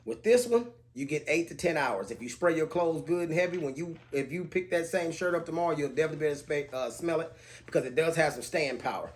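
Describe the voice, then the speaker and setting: A man with a slightly higher voice gives a casual fragrance review to camera. He talks in a relaxed, conversational way and rattles off scent notes in a steady rhythm. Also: fast talker.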